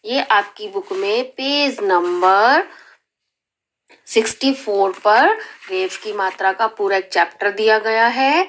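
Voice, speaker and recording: A woman teaching young children in a slow, careful lesson style, stretching out syllables and often checking in with the class. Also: medium pitch, a bit bright. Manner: drawn-out syllables, frequent rising "theek hai" checks. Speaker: primary school teacher.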